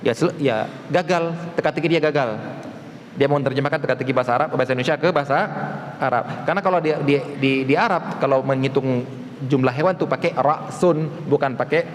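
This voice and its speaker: A man, a religious teacher, giving a mosque study lecture and answering questions, lively and acting out little dialogues in different voices. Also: brisk, a little hiss or hum. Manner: lively, acts out dialogues with shifting pitch. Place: mosque hall. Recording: echoey hall with faint ambience.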